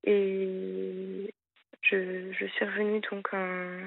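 A woman's voice: medium pitch, monotone, gravelly, dry recording. Woman caller on a phone line. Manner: halting, hesitant. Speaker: caller to a radio show. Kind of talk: personal account to a host. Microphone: telephone. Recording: narrow, dry phone line.

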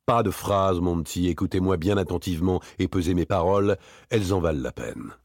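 Brief: male reader as a hard-nosed ex-detective in an audiobook, low husky voice, clipped and exact. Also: fairly quick, a little mellow, dry recording. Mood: accusing. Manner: dry, hard, precise. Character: cold, relentless male former police inspector.

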